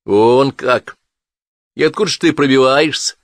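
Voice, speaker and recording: A man's voice: mid-range voice, a little slow, dry recording, pitched above the performer's own voice, natural voice. A man voicing a cheerful partisan who questions a stranger in a jovial way. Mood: probing.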